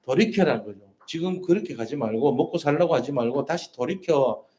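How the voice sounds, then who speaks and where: A male pastor preaching in a church sanctuary, his voice sitting a little high for a man. He presses his points earnestly, repeating them and asking the congregation rhetorical questions. The sound carries a roomy church echo. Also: animated, fairly quick, a crowd in the background. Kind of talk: sermon.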